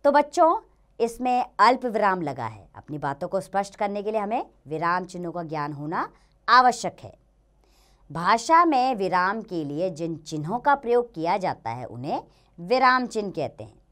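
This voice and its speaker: A woman teaching a grammar lesson to children in a slow, sing-song way. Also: mid-range voice, sing-song, a bit bright.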